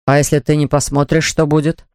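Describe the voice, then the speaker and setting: A woman's voice: low voice, little pitch movement, brisk, a little mellow, smooth, no room sound. A woman voicing a skeptical father who questions his son in a dry, probing way.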